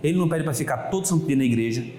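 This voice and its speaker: A man giving a live talk to an audience, animated, acting out quoted dialogue and repeating words for emphasis. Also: medium pitch, very fast. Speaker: speaker giving a family talk. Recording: echoey hall with long reverb.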